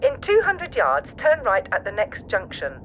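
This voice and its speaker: A woman voicing a calm, precise female car navigation computer with a smooth, even, machine-like delivery, cool and literal. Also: medium pitch, normal speed, highs cut off, a little hiss or hum. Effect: smooth, even machine-like device voice.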